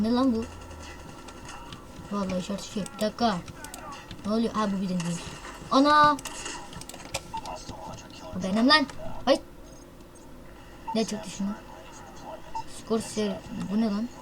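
The gaming-channel host keeps up slangy, excitable play-by-play of a mobile shooter, with loud outbursts and self-deprecating banter. Her voice is mid-range, over slight background noise.

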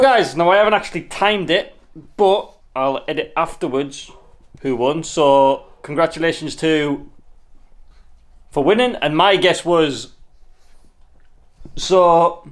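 A man with a slightly high voice presents a casual vlog. He speaks informally to his viewers, in the everyday manner of someone hosting his own video. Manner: addresses viewers informally as "guys". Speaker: video host filming pets.

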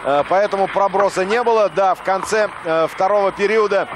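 High-pitched male hockey commentator over loud noise. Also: a little fast. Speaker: sports commentator. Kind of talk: live ice hockey commentary. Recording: noisy old TV broadcast, arena din. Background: hockey arena noise.

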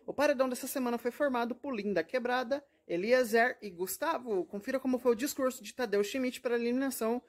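A man hosting a YouTube channel, speaking a casual, upbeat intro and outro into a phone camera indoors. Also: very high voice. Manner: quick, upbeat calls to subscribe. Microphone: phone camera held close.

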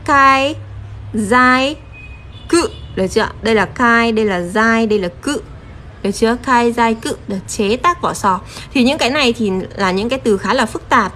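A woman's voice: fairly high pitch, fairly bright tone, a little hiss or hum. A woman teaching a live kanji lesson. She is patient and keeps checking in with her viewers through rhetorical questions. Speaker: Japanese teacher.

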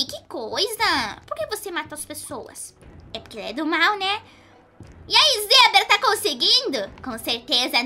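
A bubbly, excitable young cartoon pony girl, put on by a woman, squealing and giggling through game commentary. Her voice sits extremely high and swoops all over in lively leaps. Game music plays clearly behind her. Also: full character voice. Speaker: gaming youtuber. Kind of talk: gameplay commentary in character. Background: game music playing clearly.

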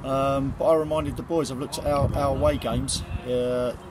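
A man's voice: medium pitch, fairly even intonation, normal speed. A middle-aged man, a football manager giving a plain-spoken post-match interview outdoors at night, with many ums and repeated words. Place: outdoors by a stadium building at night. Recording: loud outdoor background noise.

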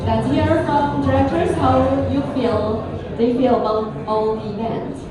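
A woman's voice: sits high, steady tone, very slow, recorded from a distance. A woman making formal announcements as a ceremony announcer. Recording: echoey hall PA, loud music, crowd.

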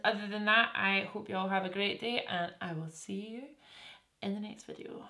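With a bright, forceful tone, normal speed and fairly even intonation, a young woman from Scotland speaks in a mid-range voice to her camera. The beauty vlogger, in a small curtained room, answers viewers' assumptions self-deprecatingly, restarting her sentences frequently.

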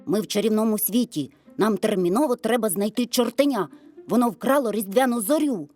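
A woman's voice: fairly high pitch, a little fast, darkish tone, faint music behind, natural voice. Woman voicing a loyal, earnest talking dog. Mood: earnest firm. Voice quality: earnest, firm.

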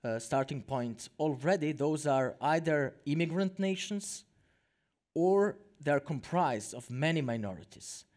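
A man in his forties from Croatia moderates a conference panel with a fairly high voice. He speaks in a measured way and pauses on frequent uhs. A headset mic catches him on a large stage. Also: lively intonation, a little mellow. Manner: measured, hesitant, many uhs.

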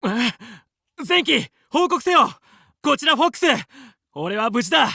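Fox McCloud, a bright-voiced heroic fox pilot. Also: male voice, very high voice, sing-song, a little slow, creaky, dry recording, clean studio sound, exaggerated voice. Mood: tense, concerned. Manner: cool, resolute, clipped heroic delivery. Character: confident heroic young male fox space pilot, team leader. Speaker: video game voice actor. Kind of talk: Japanese video game battle voice lines.

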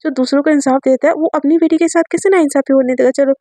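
A woman's voice: high voice, steady tone, quick pace, mellow, no room sound, lightly acted. A woman voicing an angry, powerful businessman father who threatens and scolds in a told story. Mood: threatening.

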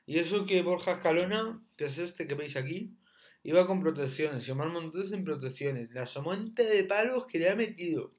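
Commenting on clips from his room, this young reaction-video host mocks them with repeated loud exclamations. He sounds expressive and slightly high-pitched at normal speed, and there's a little hiss or hum.

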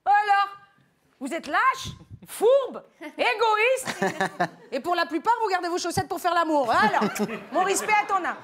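A brash Tunisian aunt. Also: female voice, very high-pitched, animated, unhurried, heavily acted. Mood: flirty gossip. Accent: Tunisian French. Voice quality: loud, teasing, rambling. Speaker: comic guest. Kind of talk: TV comedy sketch character. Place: TV studio. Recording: studio audience laughter.

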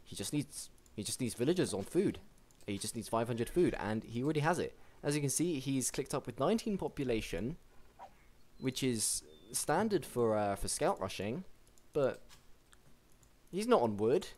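A young man casually commentating a strategy game match, chatty and excitable, with frequent restarts. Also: mid-range voice, moderate pace. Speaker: game caster.

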